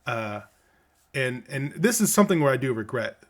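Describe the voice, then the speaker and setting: A man's voice: medium pitch, sing-song, normal speed. Man, middle-aged, casual storyteller, rambling, restarts a lot, plays out quoted lines. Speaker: vlogger telling a story from his game tester days.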